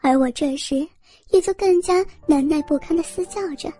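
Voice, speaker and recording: A woman narrating a first-person story in a steady, intimate reading voice. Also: sits high, moderate pace, faint music behind.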